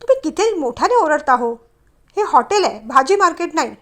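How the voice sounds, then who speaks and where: A woman's voice: high-pitched, big pitch swings, brisk, fairly bright tone. A woman reading the lines of a touchy young man on an arranged-match meeting, in a lecturing, irritated way. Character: young man, bank clerk, touchy suitor.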